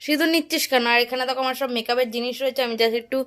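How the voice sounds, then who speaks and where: A woman chatting casually to her viewers in a home vlog, her voice a little hoarse. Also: sits high, very fast, a bit bright. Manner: chatty, addresses viewers directly. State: voice getting hoarse. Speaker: vlogger.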